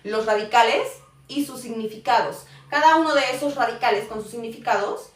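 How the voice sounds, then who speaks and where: Lady teacher explaining slowly, checks in with "ok?" a lot, sounds far off the mic in an echoey room, highish voice. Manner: patient, checks in with "ok?" often. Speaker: Mandarin teacher. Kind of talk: live online class. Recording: roomy echo, voice far from the mic.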